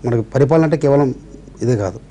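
A man's voice: mid-range voice, quick pace, dark tone. A man with a Telugu accent, a revenue officials' representative on a TV debate, explaining measuredly and citing laws and history.

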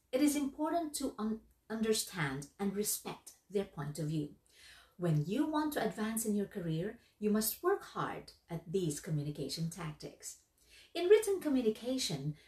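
A woman giving instructional narration on workplace skills in a lively, emphatic, instructive way. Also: medium pitch. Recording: echoey room, voice from far off.

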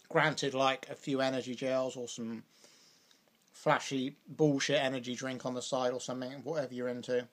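A young British man vlogging over a meal, rambling casually with lots of "like" and "you know". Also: medium pitch. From Britain. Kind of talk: casual chat while eating.

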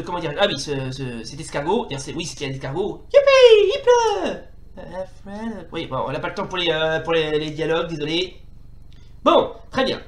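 A man with a fairly high voice narrates his run through a retro arcade brawler, getting worked up and telling off the enemies as he stammers and restarts his sentences. The sound is roomy, with a clear echo off the walls. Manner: excitable, scolds enemies out loud, stammers and restarts. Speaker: retro gaming YouTuber. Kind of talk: let's play commentary.

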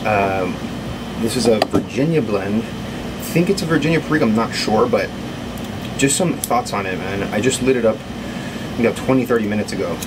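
A man with a fairly low voice chats casually to the camera, pausing often as he finds his words. A steady, clearly audible hum sits behind him in a small workshop. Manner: hesitant, unscripted, pausing often. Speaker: video host, pipe maker. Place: small indoor cluttered workshop. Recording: steady background hum and noise.

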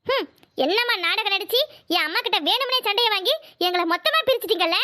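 A young cartoon wife, voiced by a woman, pleads and argues in a high, bright, fast voice. She is stubborn and insistent, and she refuses to be sent away. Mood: pleading.

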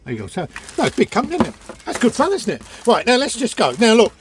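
Background noise accompanies an older sailing vlogger whose very high-pitched voice swoops wildly as he talks fast. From a small boat cabin, holding his phone at arm's length, he chats casually about his boat gear, rambling, stumbling and repeating words.

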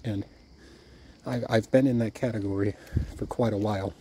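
Man in a casual walking vlog, winded, thinking aloud; lowish, dark tone, light background noise. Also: fairly even intonation, moderate pace. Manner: rambling, thinking aloud with restarts. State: out of breath. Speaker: YouTuber. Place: outdoors at night on a walk.

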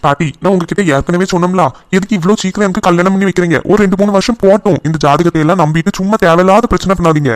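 A man's voice: high voice, steady tone, very fast, few pauses, natural voice. A man voicing a reluctant young son. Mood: frustrated. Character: young man home from abroad, reluctant but caring son.

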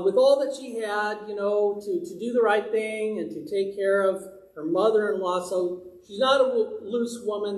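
A man with a fairly high voice preaches at an easy, slow pace, keeping his sermon conversational and dropping in light jokes. The sound carries the roomy echo of a church sanctuary. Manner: conversational, with light humorous asides.

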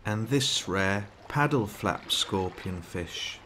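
A man's voice: lowish voice, expressive, slow, music in the background. A man reading scripted narration in the style of a nature documentary.

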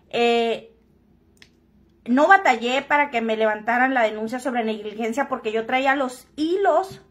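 A woman talks straight to camera in a high voice. She tells her story frankly and swears freely. She jokes her way through it. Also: fairly bright tone. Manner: joking, frank and crude-spoken. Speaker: vlogger.

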